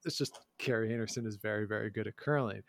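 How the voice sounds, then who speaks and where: A man's voice: on the low side, fast talker, creaky, a little hiss or hum. A man co-hosting a casual sports podcast, talking with wry sarcasm and chuckling asides. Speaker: podcast co-host.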